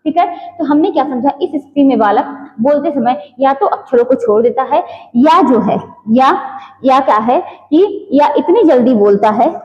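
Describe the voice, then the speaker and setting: A woman teacher giving an exam-coaching lecture, dictating slowly word by word, repeating phrases and asking herself rhetorical questions. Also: high-pitched, expressive, reverberant, in a large hall, lo-fi sound.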